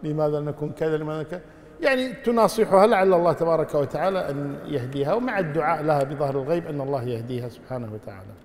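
Fast-talking male scholar in a reverberant hall. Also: fairly high pitch, darkish tone. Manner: measured, full of pious formulas. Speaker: Islamic scholar answering questions. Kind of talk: religious Q&A lesson.

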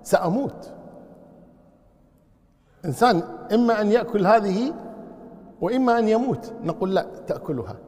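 A man with a lilt and a notably high voice teaches scripture, going over each phrase again and again, slowly and deliberately. His voice carries a long reverberation, as if he is speaking in a large hall. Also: expressive, darkish tone. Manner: explanatory, repeats key phrases slowly. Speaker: Islamic scholar. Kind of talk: Quran commentary lesson.

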